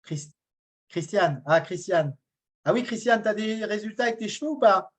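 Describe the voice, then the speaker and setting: Husky-voiced woman hosting casually. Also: medium pitch, lively intonation, normal speed. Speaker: meeting host. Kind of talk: casual chat. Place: online video meeting.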